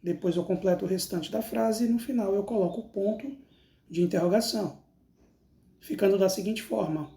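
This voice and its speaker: A teacher with a Brazilian Portuguese accent explains grammar at an unhurried pace in a soft, mellow tone. Each example is read out and then translated. The recording rings with a noticeable room echo. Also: medium pitch. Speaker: English teacher. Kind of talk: slow recorded language lesson. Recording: roomy, echoey recording.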